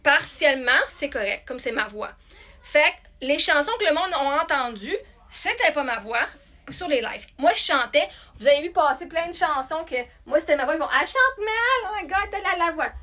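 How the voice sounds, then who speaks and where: A woman with a Québécois accent, a singer talking casually to her followers in a chatty, animated way with many restarts. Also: sits high, normal speed. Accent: Québécois French. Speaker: singer and content creator. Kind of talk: casual talk to camera.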